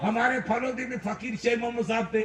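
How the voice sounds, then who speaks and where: A high-voiced preacher in his fifties from India delivers a fiery sermon, often rising to shouts. He sounds roomy and echoey, recorded from some distance off the mic. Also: fairly quick. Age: 50s. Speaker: Islamic preacher.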